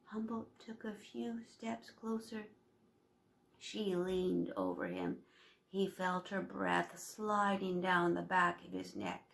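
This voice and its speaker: Slow, gentle woman reading a children's story. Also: fairly low pitch, expressive, gravelly. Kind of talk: reading a children's book aloud. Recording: roomy echo, far from mic.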